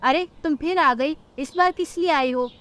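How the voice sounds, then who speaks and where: A grumpy neighbor auntie bird from a cartoon story, curt and scornful, as a woman puts her on. Her high voice turns people away. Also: normal speed, a bit bright.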